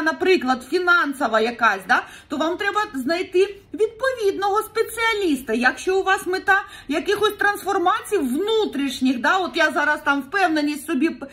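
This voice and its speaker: A woman's voice: very high-pitched, fairly bright tone. A woman giving a casual tarot reading to viewers, chatty and earnest, with frequent laughs and filler words. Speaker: tarot reader.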